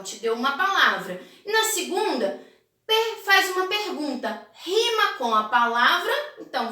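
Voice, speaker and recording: A Brazilian woman teacher correcting exercises in a recorded class for children, slow and encouraging, in a sing-song manner. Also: high voice, pushed and bright. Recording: echoey room, mic at a distance.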